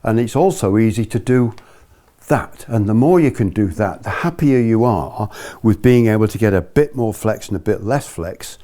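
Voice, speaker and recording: Older male ski instructor, low and soft-edged, patiently walking a small group through technique step by step. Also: animated, normal speed. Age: older, about 70s. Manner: patient, methodical, repeats key points. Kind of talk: hands-on lesson explanation to a small group. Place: living room, indoors.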